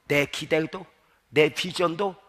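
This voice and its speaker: A male pastor preaching a sermon. He moves from hushed storytelling to shouted exhortation and calls on the congregation to answer aloud. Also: a little high, fairly even intonation, takes it slowly. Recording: long hall reverb.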